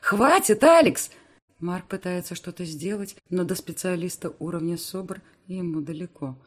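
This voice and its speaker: A male audiobook reader narrating a novel in the first person. His voice sits slightly high. The delivery is steady and scripted. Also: moderate pace.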